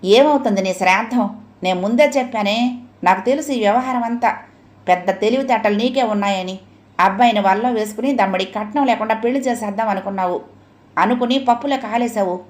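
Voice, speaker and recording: A woman's voice: fairly high pitch, brisk, lightly acted. Brief: woman doing an irritable, sarcastic middle-aged father for an audio story. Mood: scolding. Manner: sarcastic, scolding.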